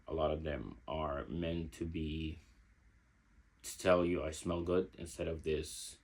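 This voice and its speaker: Male reviewer, low-pitched and slightly husky, talking things through slowly. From Egypt. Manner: reflective, searching for words. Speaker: fragrance reviewer. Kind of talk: casual product review.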